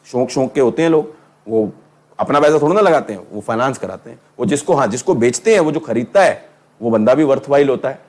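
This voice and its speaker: A middle-aged man teaching law to a class, lively and teasing, calling his students "beta" and asking them questions. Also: medium pitch, brisk. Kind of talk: classroom lecture.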